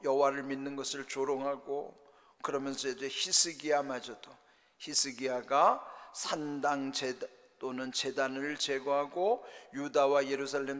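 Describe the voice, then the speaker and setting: A man preaching a sermon as pastor, emphatic, often prompting the congregation with short questions. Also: a little high. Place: church sanctuary. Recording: church hall reverb.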